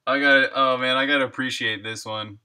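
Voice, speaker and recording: A man's voice: medium pitch, bright, forceful tone, clear, resonant tone. A man live-streaming while he codes a game, chatting casually, reading viewer comments aloud and laughing often.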